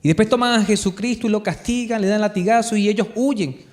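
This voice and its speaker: A man's voice: sits high, steady tone, fast talker, darkish tone. A man with a Chilean accent preaching a live sermon in church, telling the story with animation and asking the congregation questions. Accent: Chilean Spanish. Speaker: pastor.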